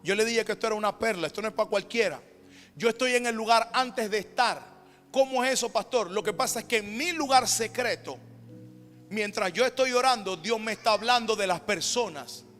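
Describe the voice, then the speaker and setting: High-voiced Panamanian preacher, loud then hushed. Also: male voice, fairly quick. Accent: Panamanian Spanish. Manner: dramatic swings from loud emphatic to hushed. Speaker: pastor. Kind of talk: sermon. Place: church sanctuary. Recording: reverberant church hall with background music.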